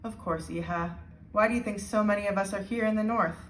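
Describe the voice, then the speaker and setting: A woman's voice: medium pitch, fairly quick, a bit bright, a little hiss or hum, lightly acted. A woman voicing a caring old island grandmother in a storybook, speaking in a reassuring way. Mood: tender, proud. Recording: roomy, echoing indoor sound.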